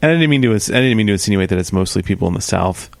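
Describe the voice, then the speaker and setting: A man co-host jokes bluntly and drops the odd curse. His voice is fairly low with a gravelly edge, and it is recorded dry and close to the mic. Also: expressive, very fast, no room sound. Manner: joking, blunt, swears casually. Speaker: comedy podcast co-host. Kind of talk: casual comedic banter.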